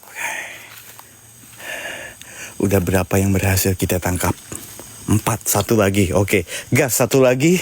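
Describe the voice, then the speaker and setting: A man's voice: low-pitched, unhurried, long pauses, slight background noise. A man livestreaming a ghost hunt outdoors at night. He chats to his viewers, recites incantations and asks them to share the stream. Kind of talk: live ghost-hunting stream talk. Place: outdoors at night at a haunted spot.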